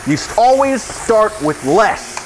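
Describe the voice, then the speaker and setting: A man's voice: high voice, big pitch swings, takes it slowly, poor audio. A drunk man giving a casual cooking tutorial, rambling and tossing in joking, self-deprecating asides while he works. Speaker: cooking video host. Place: home kitchen while cooking. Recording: sizzling pan and kitchen noise.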